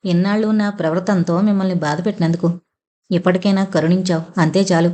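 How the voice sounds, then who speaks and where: A woman voicing a shy, remorseful young wife in a storybook reading, with soft, hesitant replies. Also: fairly low pitch, steady tone, fairly quick, natural voice.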